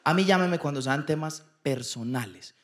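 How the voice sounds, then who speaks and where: A man's voice: fairly high pitch, moderate pace, echoey room, very noisy. A man telling anecdotes in a casual chat, laughing often and slipping into voices. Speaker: podcast co-host.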